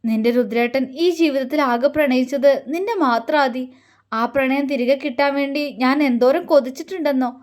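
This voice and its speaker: A woman's voice: high-pitched, brisk, lightly acted. A woman voicing a tender, devoted young husband. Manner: soft, earnest, gently teasing.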